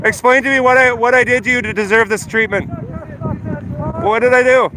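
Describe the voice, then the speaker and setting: A man's voice: extremely high pitch, fairly even intonation, brisk. A man livestreaming outdoors, talking in an agitated, combative way, swearing and repeating himself. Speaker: live streamer. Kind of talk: live street vlog, confrontational talk. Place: outdoors on a city street. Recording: noisy outdoor street livestream. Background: loud street and vehicle noise.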